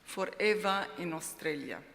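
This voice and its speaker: A middle-aged woman gives a formal award acceptance speech at a podium microphone, in a slow, deliberate and heartfelt way. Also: fairly low pitch, gravelly, fairly bright tone. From Lebanon. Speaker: award laureate. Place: large ceremony hall. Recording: long hall reverb.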